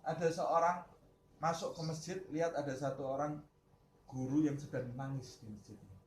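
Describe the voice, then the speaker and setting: A man's voice: a little high, moderate pace, darkish tone. Man preaching in a roomy hall. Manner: conversational, storytelling, rhetorical questions. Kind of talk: religious lecture. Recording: roomy with background noise.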